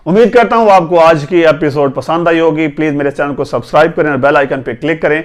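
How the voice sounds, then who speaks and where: A young man teaching pronunciation in an instructional lesson. He spells words out letter by letter and repeats them slowly and patiently to correct common mistakes. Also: fairly high pitch. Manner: patient, corrective, often says "theek hai".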